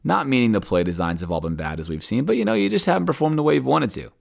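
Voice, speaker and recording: A man hosting a podcast, talking through game film in an animated commentary style. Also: medium pitch, quick pace, vocal fry. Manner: animated, acts out coaches and players in quoted asides.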